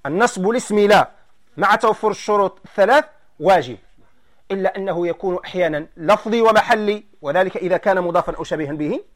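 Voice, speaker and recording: A high-voiced man gives a grammar lesson in a Moroccan Arabic accent, going through explanations slowly and testing his students with questions.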